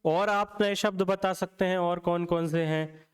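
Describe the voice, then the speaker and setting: Man, Hindi teacher, slightly high voice, smooth, long reverb, self-answering questions. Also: steady tone, measured pace. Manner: asks questions and answers them himself, frequent "theek hai". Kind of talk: classroom lesson on Hindi alphabet.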